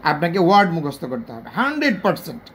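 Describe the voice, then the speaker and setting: In this video lesson, a patient English teacher with a Bangladeshi Bengali accent repeats key points and pronounces example words slowly, syllable by syllable. The voice is medium-pitched and fairly bright, with big swings in pitch, and there is slight background noise.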